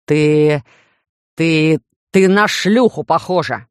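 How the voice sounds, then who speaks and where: A woman voicing a bossy, jealous young man in a romance audiobook, gruff and grumbling. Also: extremely low pitch, steady tone, fairly quick, a little mellow, no room sound, clean studio sound. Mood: furious.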